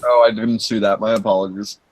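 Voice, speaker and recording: A man's voice: on the low side, steady tone, a little fast, a little mellow, low-quality recording. A man running a tabletop game as storyteller, talking hesitantly with many ums and likes.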